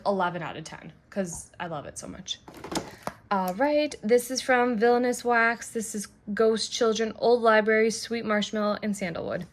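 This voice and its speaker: A woman who makes and sells wax melts, reviewing scents in a chatty, rambling way full of fillers and bubbly excitement. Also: medium pitch. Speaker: wax melt maker and shop owner.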